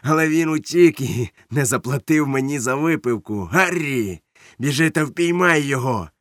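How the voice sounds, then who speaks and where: A booming old pirate innkeeper barks orders and scolds his patrons, as a male narrator puts him on. The voice is gruff and bossy, recorded dry and close. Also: expressive, moderate pace, fairly bright tone, dry recording, lightly acted. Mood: angry shouting. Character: loud gruff one-legged pirate innkeeper, older man.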